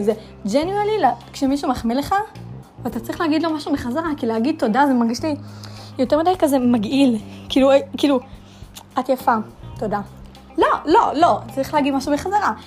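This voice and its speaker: Young woman, high-pitched, casual podcast host, dramatic rhetorical questions, faint background music. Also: darkish tone. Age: young adult. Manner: chatty, many fillers, dramatic rhetorical questions. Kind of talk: casual solo podcast rant.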